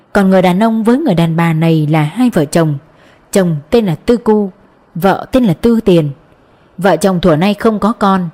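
A woman's voice: mid-range voice, darkish tone. Woman narrating an audiobook steadily. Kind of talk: scripted narration.

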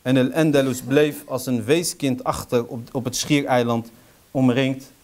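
A man's voice: mid-range voice, fairly even intonation, a little slow, darkish tone. A man lecturing on history, telling it as a story with rhetorical questions and getting heated and indignant. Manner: sprinkles Arabic phrases into speech.

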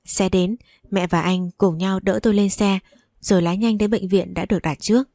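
Mellow-voiced woman telling a story. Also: mid-range voice, steady tone, moderate pace, no echo, clean studio sound. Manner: chatty, wry storytelling. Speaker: story narrator. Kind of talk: first-person story narration.

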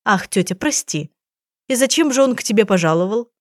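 A woman reading an audiobook, voicing a young woman detective who speaks in a brisk, teasing manner. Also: medium pitch, animated, dry recording, studio quality, pitched above the performer's own voice, natural voice. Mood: wry.

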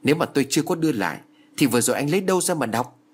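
A man voicing an indignant male court clerk who answers back fast and defensively, in a husky voice. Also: mid-range voice, expressive, voice pushed up.

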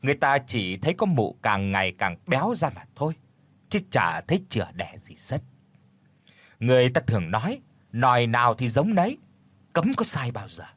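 A man narrating a village horror story in a lively, gossipy way. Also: mid-range voice, normal speed, slightly rough, dry recording.

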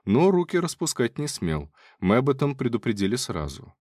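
A man's voice: medium pitch, very animated, moderate pace, darkish tone, no echo, clean studio sound. A man narrating a first-person audiobook in a wry, sardonic, conversational way.

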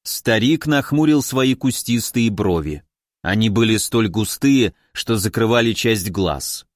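A man reading a fantasy novel aloud as an audiobook narrator, in an expressive storytelling manner. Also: on the low side, a little slow, no echo, studio quality. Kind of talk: scripted narration.

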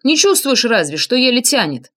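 Woman voicing a gruff impatient man instructor. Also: fairly high pitch, big pitch swings, moderate pace, a bit bright, pitched above the performer's own voice. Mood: shouting. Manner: barking commands, blunt. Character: impatient ex-paratrooper man, gruff, quick to shout.

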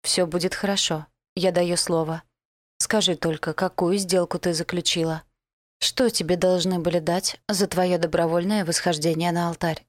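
Audiobook male dark elf, gentle and protective, low and hushed, as a woman reader does him, dry close sound. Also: fairly even intonation, normal speed, no echo, close to an everyday voice. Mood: soothing. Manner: soft, soothing, reassuring. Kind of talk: audiobook character voice.

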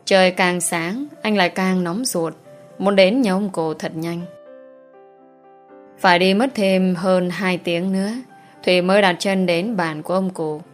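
Low-voiced woman narrator. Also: fairly even intonation, a little slow, faint music behind. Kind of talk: reading an audio novel.

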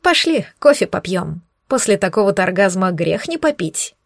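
A woman's voice: medium pitch, big pitch swings, moderate pace, gravelly, no echo, clean studio sound. A woman voicing a playful, cheeky male incubus who jokes and purrs his lines. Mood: joking. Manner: purring, joking.

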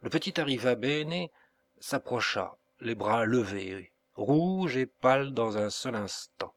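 A man reading a classic novel aloud as an audiobook narrator, in a slow, measured and expressive way. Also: mid-range voice. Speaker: audiobook reader.

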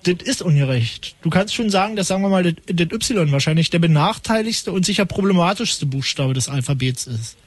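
A man hosts late-night call-in radio in a high, breathy voice. He rambles with mock-pompous irony, recorded close and dry in the studio. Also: lively intonation, brisk, few pauses, no echo.

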